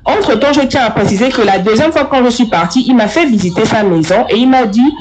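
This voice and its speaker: A young woman giving a first-person spoken testimony, telling her story in a lively way and speaking straight to the listener. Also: on the high side, a little fast, background noise.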